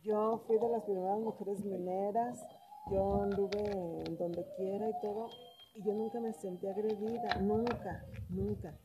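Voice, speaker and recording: A woman's voice: medium pitch, a little slow, poor audio. A middle-aged woman, a former miner telling a story in casual talk and acting out the voices of the people in it. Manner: animated, acts out quoted voices. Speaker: podcast guest, former miner.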